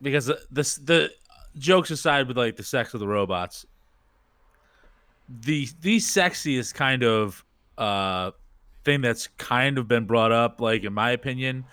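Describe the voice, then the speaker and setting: A man's voice: medium pitch, a little slow, a bit bright, smooth, no echo. A man chatting on a podcast, asking questions with lots of fillers. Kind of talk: casual podcast chat.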